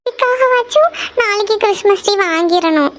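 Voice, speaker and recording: A woman's voice: extremely high pitch, lively intonation, moderate pace. A woman voicing a chatty little schoolgirl, talking in a sing-song childish whine.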